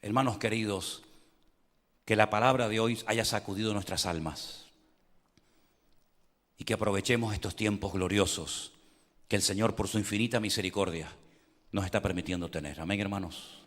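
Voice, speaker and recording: A man preaching a sermon as pastor, swinging between loud appeals and hushed prayer. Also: lowish voice, moderate pace, pauses often. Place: church hall. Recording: reverberant church hall.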